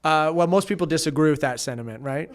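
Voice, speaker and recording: A man speaking as an estate planning attorney, explaining legal steps in a measured, plain-spoken way on a casual podcast. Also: a little high.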